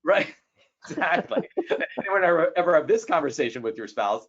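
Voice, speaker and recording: A man giving a talk on personality styles to a guest, acting out the people in his stories. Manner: animated, acts out quoted people with quick jumps in pitch. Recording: dull lo-fi sound.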